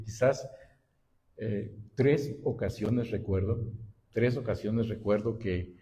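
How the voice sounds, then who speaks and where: Pastor que predica despacio y pausado. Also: male voice, on the low side, mellow, slight background noise. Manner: slow and deliberate, often adding "¿verdad?". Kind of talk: sermon. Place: church.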